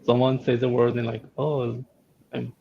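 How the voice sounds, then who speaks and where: A man's voice: mid-range voice, flat delivery, normal speed, vocal fry, dark tone, highs cut off, a little hiss or hum. A man chatting cheerfully on a group call as a guest artist, laughing mid-sentence. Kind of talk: casual group chat.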